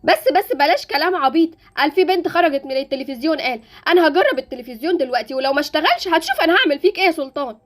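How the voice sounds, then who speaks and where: A woman voicing an impatient, sharp-tongued mother in a Roblox story drama, with an Egyptian accent and a mocking, scolding way of talking. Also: high-pitched, animated, racing, hardly any pauses. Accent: Egyptian Arabic.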